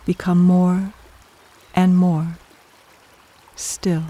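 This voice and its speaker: Meditation guide, mid-pitched and mellow. Soft, soothing scripted delivery, slow and measured with generous pauses. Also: level tone.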